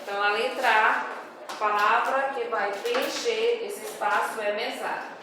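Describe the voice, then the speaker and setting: A woman, a primary school teacher going over homework answers with young children, patient and drawing her words out clearly. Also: on the high side, steady tone. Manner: slow, patient, reads words out syllable by syllable for young pupils. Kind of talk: recorded homework correction for children. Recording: very echoey room, voice far from the mic, faint noise.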